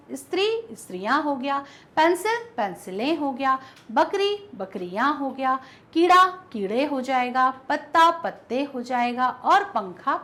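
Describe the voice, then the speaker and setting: A young woman teacher explaining grammar to school students, reading word pairs aloud with clear stress. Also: sits high, fairly bright tone.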